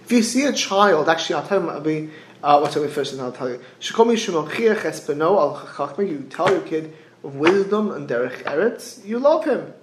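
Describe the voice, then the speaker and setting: A man in middle age teaches in the informal way of a rabbi giving a class. His voice sits a little high for a man. He restarts and repeats phrases and asks rhetorical questions, and the room around him is clearly echoey. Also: animated, fairly quick, slight background noise. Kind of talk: informal sermon, explaining texts with anecdotes.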